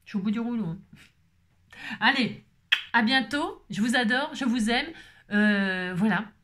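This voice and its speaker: A woman's voice: on the high side, unhurried, a bit bright. Bubbly, chatty woman craft vlogger. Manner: bubbly, chatty, playful, sings snippets; repeats "hein" constantly. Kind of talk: casual chat.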